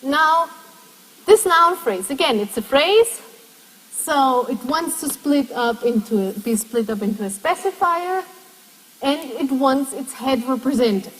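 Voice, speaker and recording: A university lecturer with a high, animated, fairly bright voice speaks at a slow pace. She walks her class through the material step by step, posing questions to the students, while the lecture hall adds a long echo.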